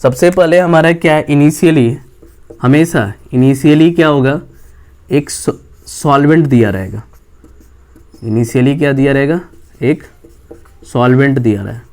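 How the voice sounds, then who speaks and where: A man's voice: mid-range voice, a little slow, long pauses, darkish tone. A man teaching a chemistry lecture in mixed with English terms, firing rhetorical questions at the class and answering them himself. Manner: mixes English science terms into Hindi.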